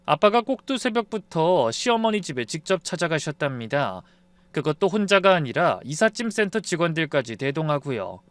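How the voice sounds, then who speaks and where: A man tells a scripted story in a confiding, conversational tone. His voice sits high for a man, and the recording is dry and close. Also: sing-song, moderate pace, no echo. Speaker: narrator.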